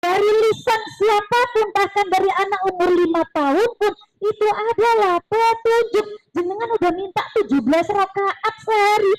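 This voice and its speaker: A woman giving a religious parenting talk in a lively, chatty way, slipping in words and acting out other people's lines. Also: very high voice, normal speed, hardly any pauses, poor audio. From East Java. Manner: lively, chatty, mixes Javanese words, acts out voices of others. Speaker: parenting seminar speaker. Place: mosque hall.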